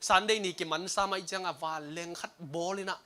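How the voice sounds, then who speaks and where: At a church service streamed online, a man preaches a sermon in an animated way, laughing now and then. He's a fast talker whose voice sits high, clear, and resonant.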